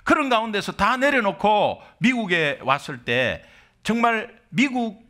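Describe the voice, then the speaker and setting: Middle-aged korean-born pastor preaching hard, high bright voice, swings way up and down. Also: male voice, very animated, unhurried. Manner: impassioned, dramatic preaching with rhetorical questions. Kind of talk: sermon.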